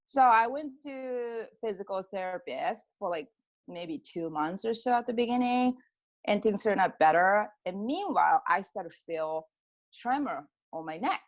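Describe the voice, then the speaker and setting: Her voice is medium-pitched with lively intonation and a moderate pace, though the audio sounds dull. This middle-aged woman from Japan, a pianist and energy healer with a Japanese accent, is an interview guest telling personal stories informally, peppered with "like" and reenacted exchanges.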